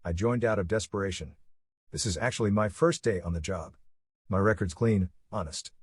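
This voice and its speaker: Dude doing a scared pleading pirate guy, husky low voice, dry. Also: normal speed. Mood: eager. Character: frightened young male pirate, pleading and eager.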